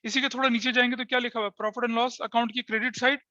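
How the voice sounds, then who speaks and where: A man's voice: extremely high pitch, flat delivery, fast, pushed and bright, dry recording, dull audio. A man teaching a class step by step, who often asks his students questions and mixes in English terms. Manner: explains step by step with frequent checking questions to students. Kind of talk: classroom lecture.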